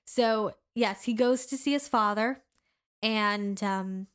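A young woman co-hosting a casual podcast, gushing excitedly about a show and acting out the characters' lines. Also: mid-range voice, takes it slowly, clean tone. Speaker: podcast co-host. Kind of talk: casual chat.

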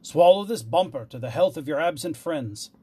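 A man voicing a cruel, boisterous tyrant king for a storybook, loud, blustering and imperious. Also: a little high, expressive, moderate pace, breathy edge. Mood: jovial, domineering.

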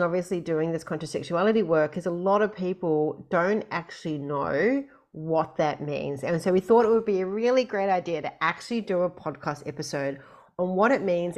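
A woman's voice: lowish voice, a little mellow. A woman hosting a podcast in a conversational way. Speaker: podcast host.

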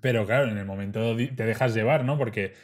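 A man, a relaxed storyteller in a casual conversation who often adds tag questions. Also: on the low side, fast.

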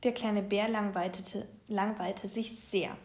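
A woman reading a children's story aloud, in a gentle, even storybook manner. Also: medium pitch, takes it slowly.

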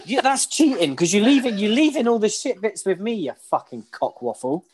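A man's voice: high voice, sing-song, a little mellow, a little hiss or hum. A British man co-hosting a podcast, teasing his friend in sweary, mocking banter. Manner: teasing, sweary, quick to mock. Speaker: podcast co-host. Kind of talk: casual banter.

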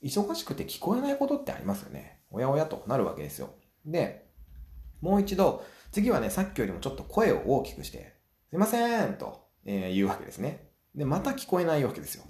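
A man hosting his own solo talk show, chatting through advice, acting out small everyday scenes and filling pauses with drawn-out "uh" sounds. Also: medium pitch, huge pitch swings, creaky, darkish tone, roomy sound. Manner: chatty, acts out little scenes; frequent filler sounds. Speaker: podcast host.

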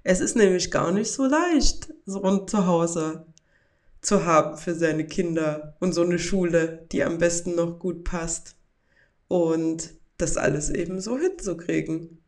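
Speaking unhurriedly in a lowish, slightly mellow voice, a podcast host in her forties muses reflectively through a casual monologue. Along the way she reads listener messages aloud.

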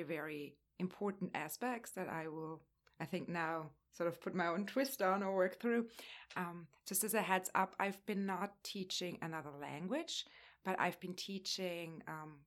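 A woman with a somewhat low voice speaks at a panel. She is a literature instructor and not a native English speaker, and she explains her approach in a measured, careful way. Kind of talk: panel discussion answer.

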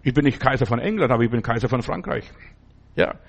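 A man's voice: mid-range voice, lively intonation, fast talker, gravelly, husky. A man preaching a sermon emphatically, repeating phrases and checking in with "ja?". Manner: emphatic, repetitive preaching with tag questions.

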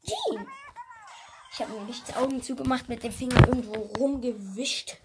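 A woman giving casual, chatty let's-play commentary to her viewers, excitable and joking, sometimes dropping to a whisper. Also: a little high, a little fast, heavy background noise. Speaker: gaming video creator.

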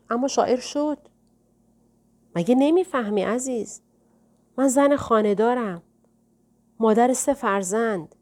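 A woman's voice: on the high side, darkish tone, pitched above the performer's own voice, lightly acted. A woman voicing a pleading, anxious middle-aged housewife in an audiobook. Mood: protesting. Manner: urgent, pleading tone. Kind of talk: audiobook character reading.

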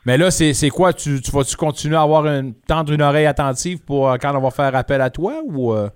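A man hosting a sports talk radio show, with a punchy, lively delivery. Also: a little high, brisk, clear, resonant tone.

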